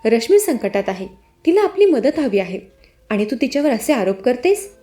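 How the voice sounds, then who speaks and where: A woman's voice: fairly high pitch, very animated, normal speed, roomy sound, faint music behind. A woman voicing a firm, stern adult man who argues with his wife and comforts his young niece. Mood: angry. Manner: firm, stern, then gently reassuring. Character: angry but caring husband and uncle, adult man.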